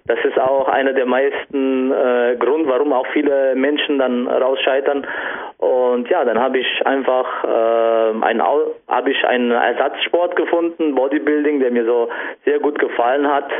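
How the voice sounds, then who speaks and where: A man in his twenties from Sicily with an Italian accent, speaking German as a guest in a radio interview, halting with many fillers. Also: medium pitch. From Sicily, Italy. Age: 20s. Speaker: guest bodybuilder. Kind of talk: casual interview answers. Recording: tinny phone-like radio sound.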